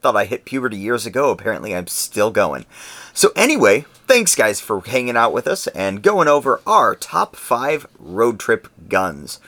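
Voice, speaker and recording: A man co-hosting a podcast, talking in a relaxed, conversational way and explaining his points at length. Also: mid-range voice, normal speed. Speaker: podcast co-host. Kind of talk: casual podcast chat.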